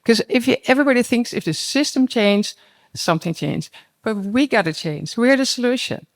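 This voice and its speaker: Panel speaker, plain short phrases, middle pitch, questioning, storytelling. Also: animated, moderate pace.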